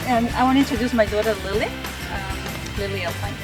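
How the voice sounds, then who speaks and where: A woman from El Salvador who keeps backyard chickens speaks in friendly, slightly broken English, with a medium-pitched voice and a brisk pace. She is recorded on a distant mic in her backyard, with chickens and loud music in the background.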